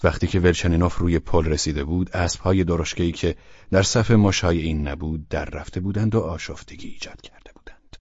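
A male narrator reads a novel in a low, husky voice with a measured, steady pace. The sound is dry and close, with no room around it. The recording is a little dull and lo-fi. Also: no echo. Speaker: audiobook narrator. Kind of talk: literary audiobook narration.

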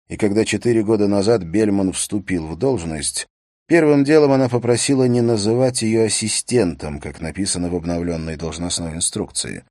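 A man narrates a thriller audiobook from a script, his low-ish voice measured and even in a dry, studio-quality recording.

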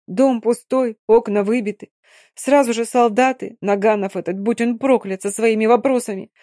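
A woman's voice: on the high side, steady tone, normal speed, mellow, dry recording, studio quality, close to an everyday voice. A woman voicing a young Romani woman, pleading and tearful, in an audiobook. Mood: grieving. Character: young Romani woman singer, grieving, frightened.

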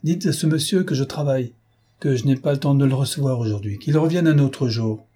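A man's voice: mid-range voice, a little fast, warm tone, slightly rough, pitched above the performer's own voice, lightly acted. A man voicing a brusque, self-important older male philosopher who talks in an impatient, lecturing way. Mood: irritated.

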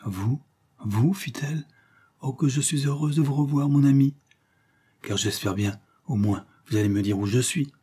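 A man's voice: lowish voice, moderate pace, a little mellow, husky. A man voicing an emotional young noblewoman. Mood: joyful. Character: young woman, banker's daughter, emotional, dignified.

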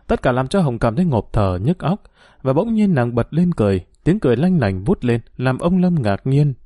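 A man narrating a story in a measured, emotive reading. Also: mid-range voice, mellow, dry recording, clean studio sound. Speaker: audiobook narrator.

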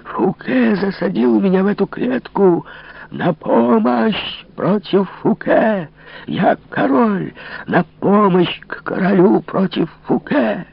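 A man voicing a frenzied imprisoned king who howls hoarsely in helpless fury. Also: high-pitched, animated, takes it slowly, pitched above the performer's own voice, exaggerated voice. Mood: raging. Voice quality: hoarse, howling. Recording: dull lo-fi recording.

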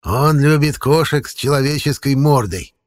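A man voicing a small, grumpy, sly old male forest spirit with a slightly creaky, folksy voice. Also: medium pitch, moderate pace, pitched above the performer's own voice, close to an everyday voice. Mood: teasing. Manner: folksy, grumbling.

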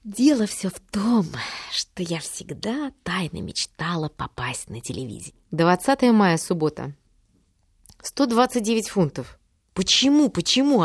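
A woman's voice: lowish voice, a little mellow, no room sound, studio quality. A woman reading a first-person diary novel aloud, in a wry, matter-of-fact manner. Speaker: audiobook narrator.

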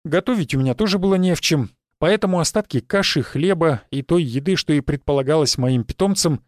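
A man giving steady first-person narration of a fantasy novel as an audiobook reader. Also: fairly high pitch, brisk, no echo, clean studio sound.

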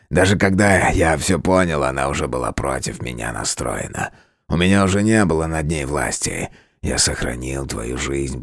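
A man voicing a broken, hateful male demon king in an audiobook, speaking slowly and bitterly, moving between hollow mutters and frantic cries. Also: very deep voice, breathy edge, no room sound, clean studio sound, exaggerated voice. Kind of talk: audiobook character voice.

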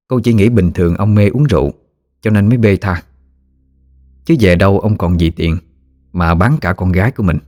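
A man narrating a ghost story audiobook in a steady storytelling manner. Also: deep voice.

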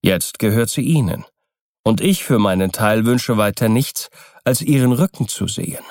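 A man's voice: lowish voice, animated, darkish tone, dry recording, studio quality. A man voicing a sly, persuasive older seller in an audiobook reading. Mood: dismissive. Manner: smooth, persuasive, measured explaining. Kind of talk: audiobook character voice.

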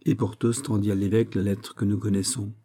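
A man narrating a classic novel as an audiobook, in a measured and steady way. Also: lowish voice, slightly rough.

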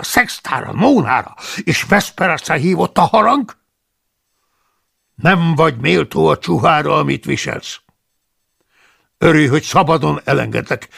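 A man voicing an indignant older male abbot who scolds loudly, with a gravelly, husky voice in an audiobook reading. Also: on the high side, voice pushed up, exaggerated voice. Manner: scolding, loud and accusing.

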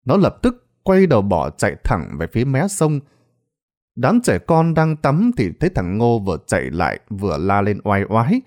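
A man narrates a ghost story in a practiced storytelling voice. His pitch rises and falls widely as he builds the scene. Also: moderate pace. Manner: expressive storytelling with lively pitch. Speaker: horror storyteller.

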